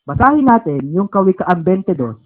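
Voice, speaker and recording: A man with a Filipino accent teaching the Bible at a home service, checking in with "okay?" and repeating words slowly. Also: high-pitched, sing-song. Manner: keeps asking "okay?" and "di ba?". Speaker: preacher. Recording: tinny phone-like lo-fi recording.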